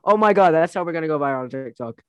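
Young adult male, giggly and incredulous, bouncy high-leaning pitch, dry sound. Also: animated, rapid-fire, smooth, dry recording, highs cut off. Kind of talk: casual chat.

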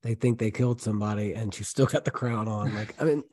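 A man co-hosting a casual movie review podcast, animated and joking as he rants about characters' dumb choices. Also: fairly low pitch, quick pace. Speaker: podcast co-host.

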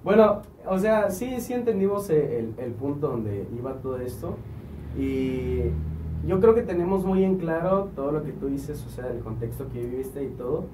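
A man's voice: a little high, lively intonation, normal speed, noisy background. A man with a Mexican accent, hosting a casual podcast chat, joking and steering the talk. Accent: Mexican Spanish. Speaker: podcast host. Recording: echoey room, mic at a distance.

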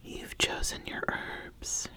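In a whispered ASMR roleplay, a woman plays an ambitious witch weighing up someone who hopes to be her apprentice. She speaks deliberately, offering gentle instruction, and sounds gently approving. The speaker is an ASMR host.

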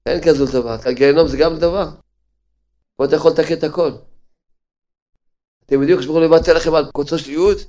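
A man preaching as a rabbi, firing rhetorical questions and swinging between loud outbursts and hushed lines. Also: on the high side, steady tone, pauses often. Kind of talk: sermon.

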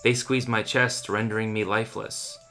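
Man playing bright-voiced theatrical radio poet-doctor. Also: on the low side, flat delivery, moderate pace, gravelly, soft background music. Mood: solemn lovelorn. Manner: theatrical, florid delivery. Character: earnest chatty radio poet-doctor, grandiose and lovelorn. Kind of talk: mock radio segment with sponsor reads and dramatic poetry.

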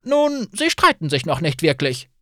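A man's voice: on the high side, sing-song, moderate pace, sharp tone, dry recording, studio quality. A male narrator voicing a fussy, demanding man who complains and makes wry remarks, in an audiobook. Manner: whiny, complaining.

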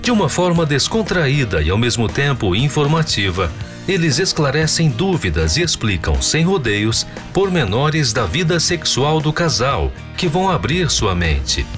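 Persuasive promo announcer, man, music underneath. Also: medium pitch. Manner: smooth, persuasive announcer read. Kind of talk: scripted promo voice-over. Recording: voice-over with music bed.

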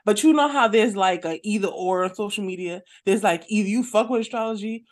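A woman's voice: mid-range voice, brisk. A woman co-hosting a podcast in casual, slangy banter, often checking that the listener follows. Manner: slangy, conversational, peppers talk with check-in questions. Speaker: podcast co-host.

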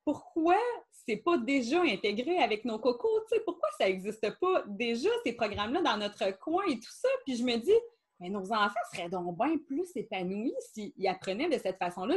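A Québécois woman hosts a relaxed podcast conversation, her voice pitched high and swinging widely as she reacts. She laughs easily and speaks with eager enthusiasm, close to a studio microphone. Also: slightly rough. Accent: Québécois French. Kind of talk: casual podcast chat.

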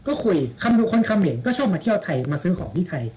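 A man's voice: high-pitched, very animated, fast talker, warm tone, slight background noise, poor audio. A man in casual chat, blunt and slangy, with mocking asides.

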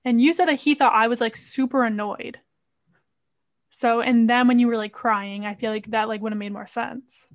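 A woman's voice: fairly high pitch, steady tone, normal speed. A young woman guest on a podcast, talking in a dry, sarcastic way. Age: young adult. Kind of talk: casual chat.

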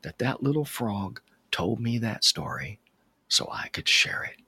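Husky, slow animated male storyteller. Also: lowish voice, no room sound. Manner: expressive, dropping to whispers and rising for suspense.

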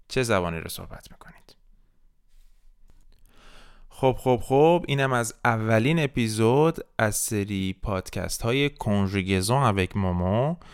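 A man hosting a podcast French lesson, modeling verb forms slowly for the listener to repeat. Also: on the low side, clear, resonant tone. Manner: slow, drilled repetition of French words for the listener. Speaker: French teacher.

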